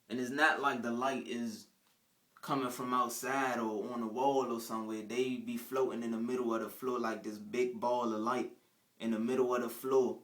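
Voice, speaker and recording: A man's voice: medium pitch, a bit bright. A young man casually telling a rambling first-person account in a vlog, with restarts and trailing off. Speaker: vlogger.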